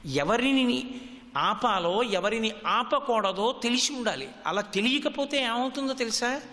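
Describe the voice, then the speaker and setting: A man's voice: very high voice, lively intonation, measured pace, bright, forceful tone. A middle-aged man giving a devotional sermon, telling stories with rhetorical questions and chanted Sanskrit verses. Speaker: religious discourse speaker. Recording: long hall reverb.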